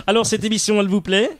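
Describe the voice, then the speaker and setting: A man's voice: high-pitched, fairly bright tone. A male radio host leading a live sports talk show in a studio, playful and exclamatory, with lots of fillers.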